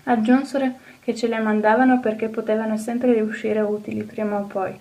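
A woman reading an audiobook, voicing a cheerful, eager little orphan girl who talks in a bright, earnest way. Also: a little high, little pitch movement, fairly quick, far from the mic, lightly acted, poor audio. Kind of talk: audiobook character voice.

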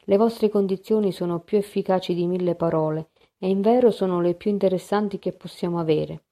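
A fussy male go-between, read by a woman speaks with emphatic exasperation in an audiobook. The voice is lowish and mellow but pushed a little louder and more animated. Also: fairly quick, lightly acted. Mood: exasperated. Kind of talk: audiobook reading.

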